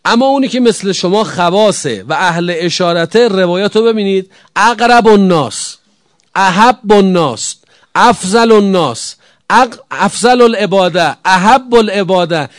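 A man preaching a religious sermon, emphatic, firing rhetorical questions and swinging between loud calls and hushed answers. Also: high voice, lively intonation, no echo, studio quality.

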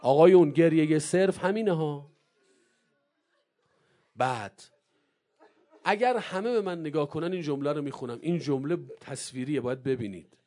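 A male preacher delivering an impassioned mourning sermon, swinging from low murmurs to loud cries. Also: expressive, long pauses.

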